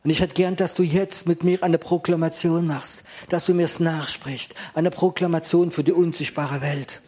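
A man preaching an intense charismatic sermon, sometimes hushed and sometimes commanding, with repeated rebukes and prayers. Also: fairly high pitch, fairly even intonation, moderate pace.

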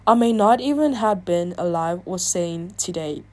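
A woman's voice: on the low side, a little slow. Chatty woman reading confessions aloud. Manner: chatty, filler-heavy talk with frequent "like"; animated, reactive asides between read passages. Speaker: video creator.

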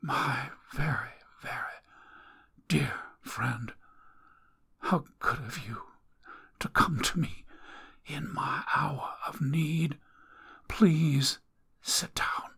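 A man voicing a dying old woman in a hoarse, mocking, breathy whisper. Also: mid-range voice, very slow, long pauses, sharp tone, full character voice.

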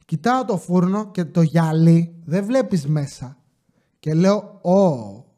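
Male podcast host, high-ish voice, casual storyteller, acts out dialogue with lively energy. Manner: animated, acts out quoted dialogue.

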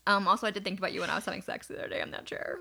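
A woman's voice: medium pitch, flat delivery, rapid-fire, gravelly, pushed and bright. A young woman hosting a podcast, chatting casually and candidly while tipsy, with bubbly bursts of laughter. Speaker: podcast host. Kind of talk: casual chat.

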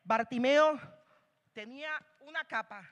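A woman's voice: sits high, a little slow, a bit bright, in a large hall. A woman lay preacher giving an emphatic sermon in a church, punctuated with hallelujahs.

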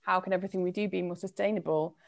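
A woman's voice: on the low side, steady tone, rapid-fire, creaky. Enthusiastic woman hosting a podcast. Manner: enthusiastic and affirming. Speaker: podcast host. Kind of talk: casual podcast interview.

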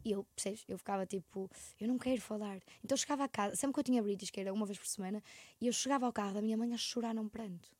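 Fast-talking Portuguese woman co-host. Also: medium pitch, a little mellow, no room sound. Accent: European Portuguese. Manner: rapid, rambling storytelling with frequent laughs. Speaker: podcast co-host. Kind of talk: casual chat.

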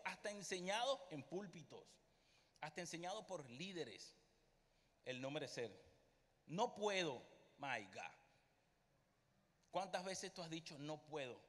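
A man preaching a sermon with passion, bursting into loud outbursts and dropping to quiet asides. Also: on the high side, in a large hall.

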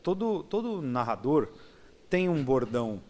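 A man's voice: medium pitch, sing-song, measured pace, a little mellow. A man with a Brazilian Portuguese accent, hosting a podcast and chatting with his guest in a friendly, conversational way. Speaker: podcast host. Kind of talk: casual podcast interview.

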